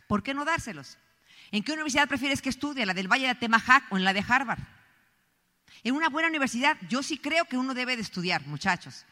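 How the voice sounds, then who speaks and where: A middle-aged Colombian woman with a mid-range, sharp-toned voice delivers an emphatic motivational talk at a business event. She tells stories and addresses the audience directly, and the recording carries echoey hall reverb.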